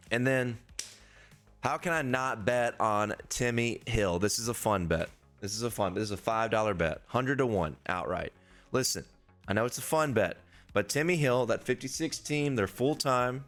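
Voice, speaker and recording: A man hosting a solo sports betting podcast, talking casually and candidly, swearing now and then. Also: mid-range voice.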